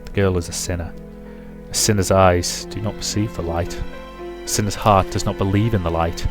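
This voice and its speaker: A man reading visual novel narration aloud in a measured, dramatic way for a Let's Play. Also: sits low, fairly even intonation, music in the background.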